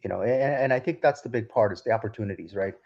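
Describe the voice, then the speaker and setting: A man's voice: fairly low pitch, racing, gravelly, slightly rough. A man from Ukraine, a DJ guest on a podcast, telling a long story in a rambling way with many restarts. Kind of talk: casual storytelling interview. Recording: dull lo-fi sound.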